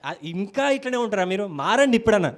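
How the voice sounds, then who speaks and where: A man with a Telangana Telugu accent preaching a sermon in a church, animated, acting out quotes and calling hallelujah to the congregation. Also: high voice, fast.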